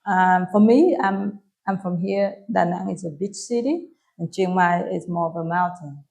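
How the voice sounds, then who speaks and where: A Vietnamese-accented woman in her thirties speaks in a somewhat low voice. She answers questions in English in a soft, hesitant way. Her many ums and small pauses keep the pace unhurried. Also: creaky. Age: 30s. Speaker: guest. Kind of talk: casual interview answers.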